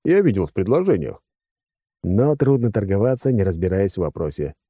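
A man's voice: fairly low pitch, very animated, a little fast, dark tone, husky, dry recording, clean studio sound. A man narrating a science-fiction audiobook in first person, in a wry, conversational way.

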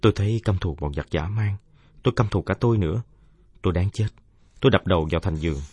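A man narrating a first-person war story in a somber, measured audiobook reading. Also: low-pitched, mellow, slightly rough, no echo.

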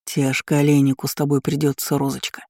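A man voicing a cocky young guy, husky and teasing. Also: a little high, completely flat delivery, fairly quick, no echo, clean studio sound. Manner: soft insinuating delivery.

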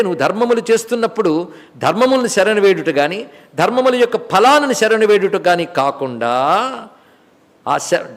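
A man's voice: sits high, a bit bright, in a large hall. A man giving a spiritual discourse on scripture, who explains verses by repeating key words and asking rhetorical questions. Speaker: spiritual teacher. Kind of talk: Bhagavad Gita discourse.

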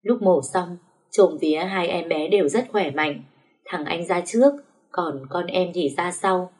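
A woman's voice: on the low side, measured pace, darkish tone. A woman narrating a first-person story.

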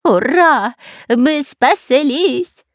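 Woman playing a panicky male spy, shrill and stammering, storybook audiobook. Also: expressive, extremely slow, dry recording, studio quality, exaggerated voice. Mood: gleeful. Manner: wailing, squealing, stammering. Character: whiny cowardly long-nosed male spy.

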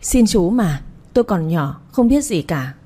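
A woman's voice: sing-song, dark tone, breathy edge, exaggerated voice. A woman voicing a frightened young woman who pleads tearfully with her captors, in a read-aloud story. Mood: tearful begging. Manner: tearful, begging, quick and high.

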